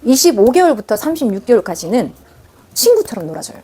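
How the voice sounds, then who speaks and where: A woman's voice: on the high side, big pitch swings, fast, dark tone, husky. A woman counselor giving parenting advice on a live stream, speaking emphatically and directly. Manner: emphatic, direct, acts out quoted parent and child lines. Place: live online broadcast.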